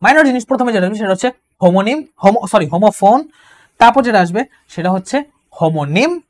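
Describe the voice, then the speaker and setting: A woman gives an exam-prep English lecture, explaining patiently, repeating key points and reading example sentences slowly. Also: medium pitch, lively intonation, darkish tone. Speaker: English tutor.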